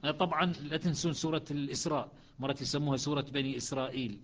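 A man teaching a Quran recitation class, chanting verses slowly between quick spoken explanations. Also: fairly high pitch, flat delivery, fairly bright tone. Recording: dull lo-fi audio.

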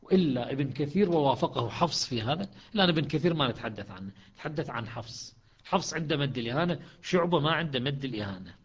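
A man with an Iraqi accent teaching a class on Quran recitation, patiently explaining and slowing down to recite verses. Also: mid-range voice, animated, husky. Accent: Iraqi Arabic. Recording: dull lo-fi recording.

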